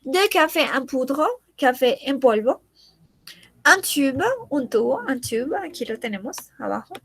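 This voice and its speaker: Female teacher, high voice, unhurried, repeats and translates each word, dry close mic. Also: a bit bright, no echo. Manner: repeats words slowly, translating each one. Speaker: French teacher. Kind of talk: bilingual language lesson.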